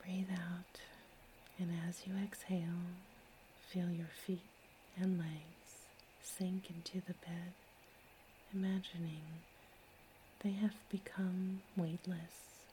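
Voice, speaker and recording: A woman host whispering a calm, slow sleep story, close to the mic. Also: fairly low pitch, a little hiss or hum, poor audio.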